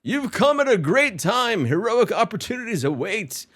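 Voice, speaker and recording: Man putting on a old male villager, fantasy game quest-giver, loud, high, eager. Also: big pitch swings, moderate pace, exaggerated voice. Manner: raised, higher and louder than his own voice.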